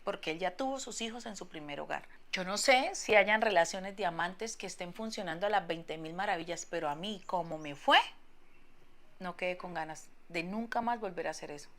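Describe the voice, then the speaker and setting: Una mujer con acento colombiano que cuenta en primera persona su propia historia, con tono arrepentido y enfático. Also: female voice, on the low side, normal speed, fairly bright tone. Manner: regretful, emphatic, acts out quoted people. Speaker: woman telling her own story. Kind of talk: confessional first-person testimony.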